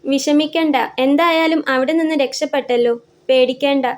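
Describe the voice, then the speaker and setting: Woman doing a calm kind auto driver guy in a storybook, reassuring, high voice. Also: normal speed, close to an everyday voice. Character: calm, helpful adult male auto-rickshaw driver.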